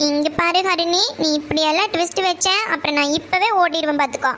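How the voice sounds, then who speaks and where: A woman's voice: extremely high pitch, fairly even intonation, fairly bright tone, slight background noise. A woman voicing a wary, touchy teenage village girl in a cartoon, with a Coimbatore Kongu Tamil accent. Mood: suspicious. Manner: suspicious, quick to take offence.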